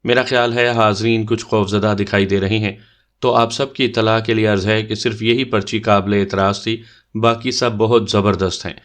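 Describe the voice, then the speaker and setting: A man's voice: fairly low pitch, little pitch movement, fairly bright tone, lightly acted. A man voicing a mischievous young man who leads a party game and teases his sister, in a bantering tone. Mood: teasing. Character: teasing playful young man, game leader.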